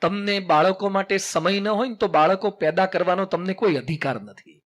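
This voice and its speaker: High, bright-voiced Gujarati monk preaching. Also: male voice, normal speed. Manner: folksy storytelling with jokes and call-and-response; mixes English phrases into speech. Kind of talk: sermon.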